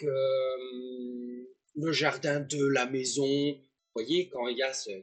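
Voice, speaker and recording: A man's voice: mid-range voice, slightly rough. A man giving a casual, joking online lesson, with rambling asides to his viewers. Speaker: German teacher.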